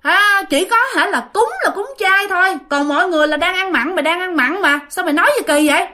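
A woman's voice: very high-pitched, fast talker, pushed and bright, slight background noise, pitched above the performer's own voice. A woman voicing scolding older male relatives, exasperated.

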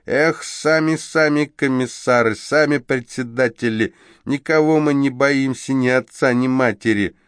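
A man voicing a brash young male street thug who boasts and threatens in a loud, drawling voice. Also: medium pitch, sing-song, normal speed, few pauses, no room sound, studio quality, voice pushed up. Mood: taunting.

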